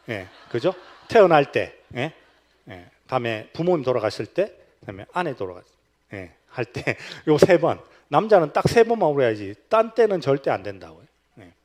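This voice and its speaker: Gyeongsang-accented male pastor, church retreat talk, lively and playful, slightly higher voice. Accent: Gyeongsang Korean. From Gyeongsang region, South Korea. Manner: animated and humorous, acting out quoted lines. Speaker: pastor giving a guest lecture.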